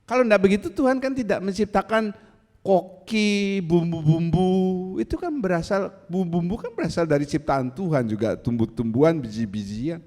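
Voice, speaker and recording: A man preaching a sermon as pastor, animated and teasing, acting out angry voices. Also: high voice, normal speed, long reverb tail. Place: church.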